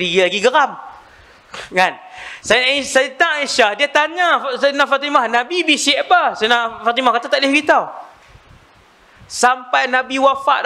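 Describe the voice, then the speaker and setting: A man preaching a storytelling sermon, animated, with many rhetorical questions to the audience. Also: sits high. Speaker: religious preacher.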